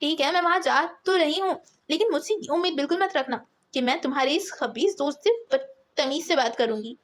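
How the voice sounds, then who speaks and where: A woman voicing a headstrong young woman in an audiobook, defiant and quick to shout. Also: high-pitched, slight background noise, natural voice. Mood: sulky.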